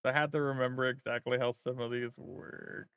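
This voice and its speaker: Male vtuber streamer, casual thinking aloud, gravelly voice, dry close sound. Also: mid-range voice, little pitch movement, moderate pace, a bit bright, no room sound. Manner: rambling, thinking aloud with many fillers. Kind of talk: casual stream chat while working.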